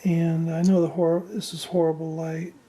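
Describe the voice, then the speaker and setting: A woman's voice: sits low, little pitch movement, moderate pace, warm tone. A woman giving a casual, unscripted build walkthrough as a hobbyist presenter, hesitant and self-deprecating, with machine noise behind her. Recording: clear machine noise in background.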